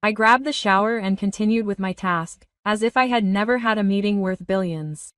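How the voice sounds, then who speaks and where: A woman reading a first-person story in a steady, even narrating voice. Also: mid-range voice, moderate pace, dry recording, clean studio sound, distant mic.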